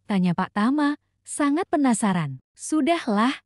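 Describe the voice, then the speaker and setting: A woman narrating a family serial story in an even, matter-of-fact reading. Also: on the high side, a little slow, no echo. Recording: dry close recording.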